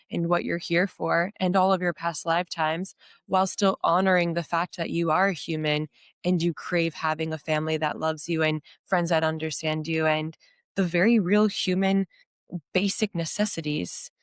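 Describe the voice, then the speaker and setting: A woman hosting a podcast, gentle and affirming in a supportive spiritual conversation. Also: fairly low pitch, dry recording, clean studio sound. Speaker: podcast host.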